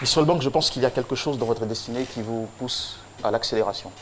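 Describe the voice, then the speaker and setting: A man's voice: mid-range voice, fast talker, fairly bright tone, some chatter behind, a little hiss or hum. A man delivering a tribute speech on a TV show, solemn and rhythmic, leaning on repeated phrases. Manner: solemn, rhythmic, with emphatic repetition. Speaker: tribute presenter.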